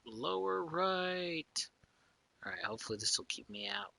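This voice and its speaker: A man's voice: a little high, big pitch swings, moderate pace, vocal fry, bright, forceful tone. A man streaming a game, talking to himself in a mumbling way and often dropping to a whisper. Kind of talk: let's play commentary.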